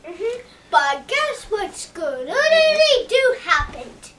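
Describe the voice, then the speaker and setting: A young woman chatting casually in a movie review, excitable and emphatic, leaning hard on "literally". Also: very high-pitched, takes it slowly, far from the mic, slight background noise.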